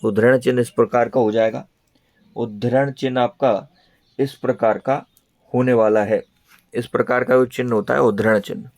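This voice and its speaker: A male teacher works through an exam prep lesson, repeating each answer in a steady explaining manner. His voice sits at an ordinary middle pitch. The sound is dry and close, with no room around it. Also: moderate pace, no echo. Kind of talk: online lesson.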